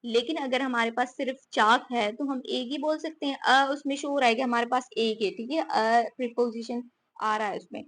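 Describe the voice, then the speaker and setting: A woman's voice: a little high, steady tone, normal speed, a bit bright. A woman from Pakistan, casually lecturing on English grammar and often checking in with rhetorical questions. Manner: explains with repeated "theek hai" and rhetorical questions. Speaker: teacher explaining English grammar.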